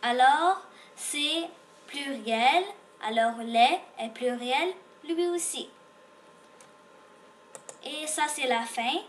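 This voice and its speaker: A woman's voice: high-pitched, extremely slow, long pauses, a little hiss or hum. A woman teaching beginners to read, sounding out letters and repeating each word patiently. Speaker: French reading teacher. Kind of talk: slow beginner reading lesson.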